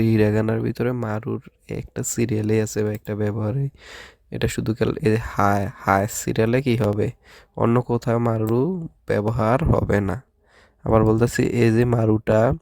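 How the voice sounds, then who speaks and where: ধীরে বলা ধৈর্যশীল পুরুষ শিক্ষক. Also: male voice, lowish voice, vocal fry, darkish tone, no room sound, clean studio sound. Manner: slow, patient, drills syllables one by one and asks the class questions. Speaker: language teacher. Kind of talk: Japanese lesson with drilled syllables.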